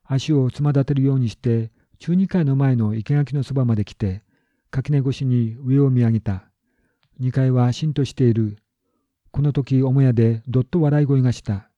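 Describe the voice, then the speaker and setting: A male narrator reads a classic story in calm, measured phrases. His voice is very dark and mellow, close and dry, and the recording sounds dull and lo-fi. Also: mid-range voice, no room sound. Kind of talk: scripted narration of a literary story.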